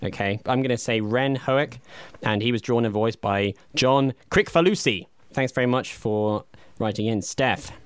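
A man co-hosting a podcast, talking in a wry, deadpan casual way. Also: medium pitch, normal speed, few pauses, clear, resonant tone, no echo, studio quality. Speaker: podcast co-host. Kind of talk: casual chat.

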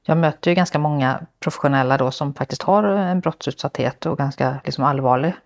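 A podcast host with a mid-range voice and a gravelly edge talks thoughtfully with a guest. The host hedges and circles back with soft fillers while putting thoughts together. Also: medium pitch. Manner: thoughtful, hedging, many fillers. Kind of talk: reflective interview conversation.

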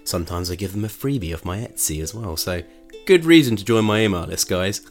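Male podcast host, low-ish voice, loose chatty delivery with frequent laughs, soft guitar bed. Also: expressive, brisk. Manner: chatty, laughs often, rambling asides. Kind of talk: casual solo podcast chat.

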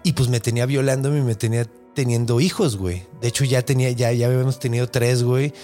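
A man's voice: medium pitch, little pitch movement, fast talker, warm tone, soft background music, natural voice. A man with a Mexican accent voicing a young woman who escaped a monster, talking crude street slang and tagging nearly every phrase with "güey". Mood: crude, recounting. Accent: Mexican Spanish.

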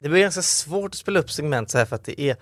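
A man's voice: fairly high pitch, lively intonation, no echo. Rambling Swedish-podcast man, dry close sound. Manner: rambling, restarts, laughs with co-hosts. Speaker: podcast co-host. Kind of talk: casual chat.

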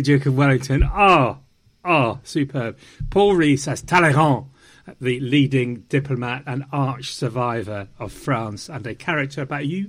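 A man's voice: mid-range voice, fairly bright tone. A man hosting a film podcast, talking in a wry, theatrical way. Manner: theatrical, wry, slips into mock French. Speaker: podcast host. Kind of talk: casual chat.

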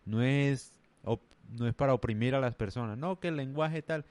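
A man's voice: mid-range voice, moderate pace, darkish tone, dry recording. A man from the Caribbean coast of Colombia with its accent, ranting casually in a rambling, emphatic way full of slang. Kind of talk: casual rant to camera.

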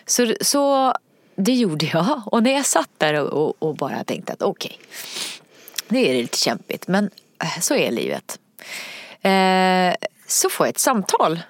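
A woman's voice: on the low side, very animated, no echo. A woman chatting casually as a podcast co-host, telling stories animatedly, acting out quoted voices and laughing often. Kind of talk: casual chat.

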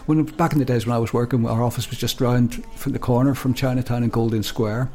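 A man's voice: medium pitch, fairly even intonation, quick pace, warm tone. A man co-hosting a podcast, chatting casually and rambling with lots of restarts. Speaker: podcast co-host. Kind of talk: casual chat.

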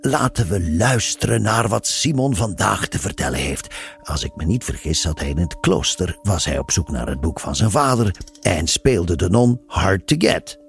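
A man's voice: low voice, animated, moderate pace. A man playing a self-satisfied, arrogant lanky man who talks boastfully. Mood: smug. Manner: boastful, triumphant quips.

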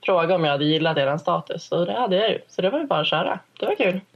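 A young woman talks in a casual, self-deprecating way, her northern Swedish blended with Stockholm dialect. She is informal and loose with her language, like a relaxed podcast guest. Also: lowish voice, highs cut off. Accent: northern Swedish mixed with Stockholm Swedish. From Hälsingland, Sweden. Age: young adult. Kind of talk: casual chat.

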